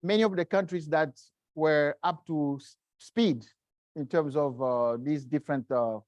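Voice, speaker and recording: A middle-aged man, a guest speaker, answering seminar questions in a halting way, often searching for words. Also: fairly high pitch, darkish tone, no room sound, dull audio. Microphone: video call.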